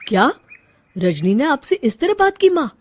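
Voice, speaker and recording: A cartoon husband, young and earnest, as a woman plays him, presses his wife with pleading questions. His voice sits high and swings up and down a lot, in a storybook voice-acting style. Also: sing-song, unhurried. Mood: concerned. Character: young married man, earnest and concerned husband.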